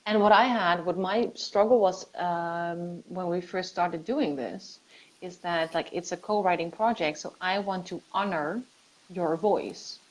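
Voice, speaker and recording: A young woman from the Netherlands, hosting a casual live-stream chat. Her voice sits on the low side, and she talks in loose, looping bursts, restarting her sentences as ideas come. It sounds like an easy talk between co-writers. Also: measured pace, poor audio. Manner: chatty, restarts sentences often. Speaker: host.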